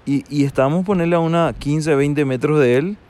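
A man telling a story casually, halting and laughing at himself. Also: fairly high pitch, darkish tone.

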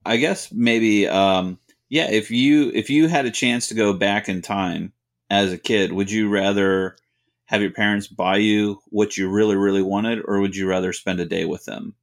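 Easygoing male podcast co-host, somewhat deep with a gravelly edge, chatting casually. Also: fairly even intonation, normal speed.

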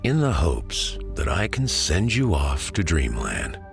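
A man narrating sleep stories in a slow, soothing, hushed way, with a husky low voice. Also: faint music behind. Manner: slow, calming, hushed delivery. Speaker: podcast host and sleep story narrator.

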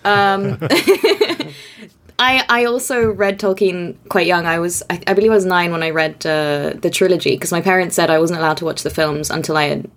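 A woman's voice: on the low side, moderate pace. A young woman from Austria, a guest in an interview, talking chattily with frequent laughs and restarts. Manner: chatty, self-deprecating, laughs often, many restarts. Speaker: guest, narrative designer. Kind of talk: conversational interview.

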